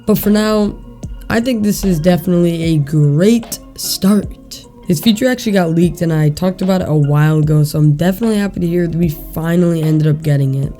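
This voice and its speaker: Mellow young gaming YouTuber with hissy s's. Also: medium pitch. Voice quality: slightly off, hissy drawn-out s sounds. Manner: casual, addresses viewers as guys. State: a little sick. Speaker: video game news YouTuber. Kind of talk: upbeat scripted gaming news narration to camera-less audience. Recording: voice-over with background music. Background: music.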